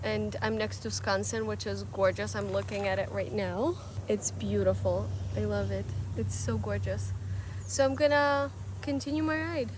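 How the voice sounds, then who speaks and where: Traffic, street noise and passing vehicles surround a young woman in her twenties as she vlogs casually outside in a city, sometimes on a bike. Her mid-range voice moves at normal speed, and she rambles with lots of fillers.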